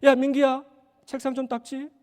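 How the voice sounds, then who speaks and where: A man's voice: extremely high pitch, completely flat delivery, moderate pace, a little mellow, pitched above the performer's own voice. A man voicing a bossy older sister with a smug, taunting tone, in a reverberant church hall.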